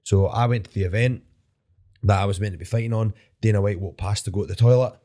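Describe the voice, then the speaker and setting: On the low side and mellow, this man talks at a quick pace. He's a Scottish MMA fighter on a podcast, casually telling wandering stories in an interview, with lots of swearing and frequent laughter.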